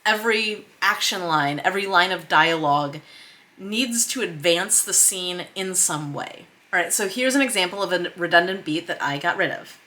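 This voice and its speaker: With a fairly low, pushed, bright voice and lively intonation, a woman explains her filmmaking process at a moderate pace. She hosts the vlog series, talking chattily to camera with a screen share and emphasizing key words.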